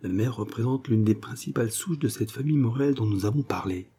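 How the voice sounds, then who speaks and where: A man voicing a discreet small-town lawyer who speaks in a measured, hushed way. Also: mid-range voice, breathy edge.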